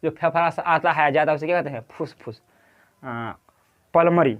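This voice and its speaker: A lecturer with a Bihari Hindi accent and a fairly high voice quizzes his class, repeats key terms, and draws at a board. He speaks at normal speed, and the recording sounds muffled.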